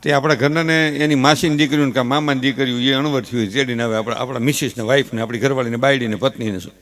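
A man with a Kathiawadi Gujarati accent, a stage comedian mixing folksy, animated stories with earnest advice. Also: medium pitch, fast talker. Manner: folksy, animated storytelling with gestures; earnest advising. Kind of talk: humorous stage talk with advice.

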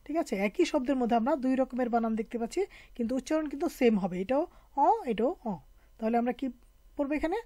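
A woman's voice: high voice, quick pace, mellow, no echo. A woman teaching a French spelling and pronunciation lesson, patiently spelling out each sound letter by letter. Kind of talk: online language lesson.

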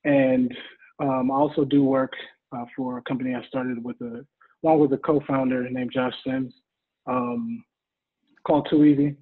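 A young man introducing himself on a video call from home, speaking softly and in a measured way that trails off. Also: medium pitch, little pitch movement, husky. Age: young adult. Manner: soft-spoken, measured, trailing off. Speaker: panelist. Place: home room by a window. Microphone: video call webcam. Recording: thin phone-like call audio.

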